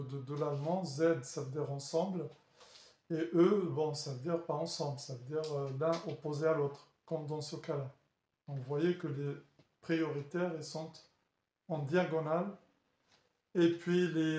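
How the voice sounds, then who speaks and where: A man teaching chemistry in a classroom lecture, talking haltingly with many fillers and restarts and often checking that the class follows. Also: a little high, a little mellow. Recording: echoey room.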